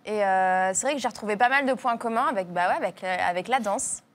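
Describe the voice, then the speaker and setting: A woman's voice: medium pitch, fast talker, fairly bright tone. A woman, a singer appearing as a guest on a TV show, chatting cheerfully. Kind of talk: TV guest chat.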